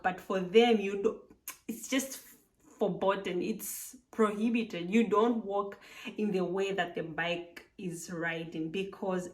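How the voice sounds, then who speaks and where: Heard through a distant mic, a woman from Zambia vlogs casually from abroad with a mid-range voice. Her advice comes out chatty and emphatic, peppered with frequent "like" fillers.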